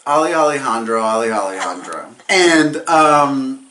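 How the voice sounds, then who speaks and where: A man's voice: medium pitch, animated, a little slow, noisy background. A drunk man giving a casual comedic movie recap, rambling, giggly and swearing, and losing track of names as he goes. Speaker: host of a drunk movie review.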